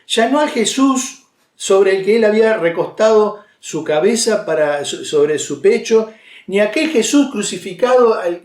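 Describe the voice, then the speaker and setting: A man's voice: high-pitched, a little mellow, roomy sound. A man with an Argentine accent preaching a sermon in a conversational way, with many fillers and restarts. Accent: Argentine Spanish.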